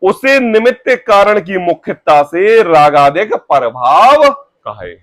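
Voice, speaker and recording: A man teaching scripture in a religious discourse, reading passages slowly and explaining them with rhetorical questions and everyday examples. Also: sits high, big pitch swings, fairly bright tone, no room sound. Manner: reads text slowly, then paraphrases.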